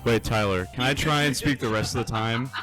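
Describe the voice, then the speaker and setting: A man's voice: mid-range voice, fairly quick, music in the background, low-quality recording. Eager, jokey young man. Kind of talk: casual chat while reading a game.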